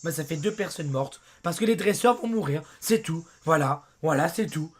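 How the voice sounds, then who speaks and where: Young french guy doing a let's play, kinda hoarse, highish voice, excitable and chatty. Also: normal speed. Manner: chatty and excitable, often says "mes amis" and "abusé". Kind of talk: casual gameplay commentary.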